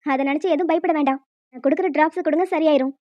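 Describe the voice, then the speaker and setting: A woman voicing a brisk, matter-of-fact young doctor in a cartoon, a little teasing. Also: high voice, no echo, lo-fi sound, natural voice. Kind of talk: cartoon voice acting.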